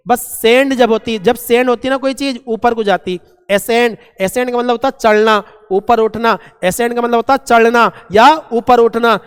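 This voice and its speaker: Male vocabulary teacher, high smooth voice, repeats and quizzes, hall reverb. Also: steady tone, moderate pace. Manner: repeats words, quizzes students as "beta". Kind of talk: exam-prep vocabulary lesson.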